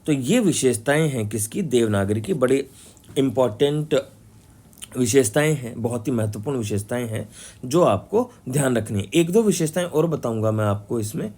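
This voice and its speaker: A man giving a classroom lecture, explaining step by step, slowly sounding out syllables and often checking that students follow. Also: medium pitch, lively intonation, mellow. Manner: explanatory, repeats key terms and checks understanding. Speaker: teacher.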